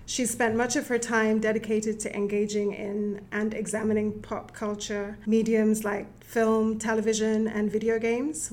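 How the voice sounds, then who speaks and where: A woman hosting an interview, giving a formal introduction and asking questions in a steady, measured way. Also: medium pitch. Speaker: interview host introducing a guest.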